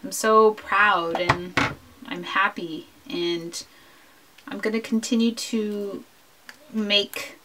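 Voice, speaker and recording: A woman talks casually over her crafting, earnest and heartfelt, drifting from one topic to the next as she works. Her voice sits at an ordinary middle pitch, with a conversational, confiding tone throughout. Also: steady tone, slow pace, pauses often, sharp tone, slight background noise. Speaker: scrapbooking vlogger.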